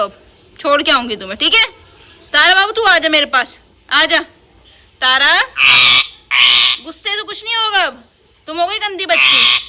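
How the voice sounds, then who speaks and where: A woman's voice: high voice, bright, forceful tone. A woman vlogger, chatting casually to her pet parrots and switching between scolding and coaxing baby talk.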